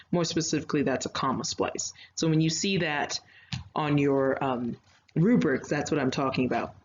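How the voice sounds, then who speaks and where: Woman teacher walking through grammar online, lots of ums, slightly dull lo-fi audio with faint hiss. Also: low voice. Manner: explains grammar step by step, chatty asides, many fillers. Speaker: writing teacher. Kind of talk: online lecture.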